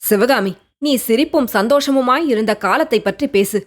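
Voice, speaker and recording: A woman's voice: on the high side, moderate pace, natural voice. A woman reading a tender young prince. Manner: gentle, pleading, questioning. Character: young prince, tender, coaxing, devoted lover. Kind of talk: audiobook character reading.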